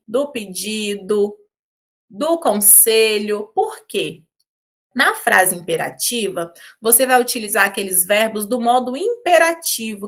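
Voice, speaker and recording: A woman's voice: a little high, pushed and bright. A woman teacher giving an exam-prep grammar lesson, explaining patiently and checking in with short tag questions. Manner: explanatory, repeats key phrases, checks in with "tá?" and "ó".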